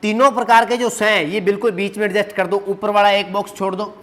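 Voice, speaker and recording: A man's voice: high voice, steady tone, quick pace, fairly bright tone. A man teaching a grammar lesson at a board, quizzing his students with questions and answering them himself, drilling letters one by one.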